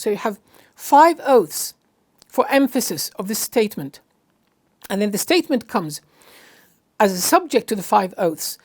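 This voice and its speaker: A woman with a somewhat high voice gives a Qur'anic translation lesson. She explains slowly and carefully, often pausing on fillers and restarting phrases. She recites Arabic verses between her explanations. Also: darkish tone.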